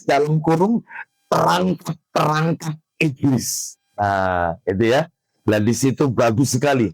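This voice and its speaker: A man preaching a sermon to a women's study group. He is animated, sending his pitch up to act out his examples, and he stops to quiz his listeners. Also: no echo, poor audio. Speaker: Islamic preacher.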